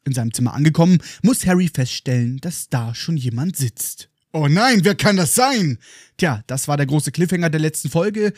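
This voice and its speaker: A man's voice: fairly high pitch, mellow, no echo, clean studio sound. A man with a German accent hosting a podcast, retelling a book chapter with ironic, playful commentary. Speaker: podcast host.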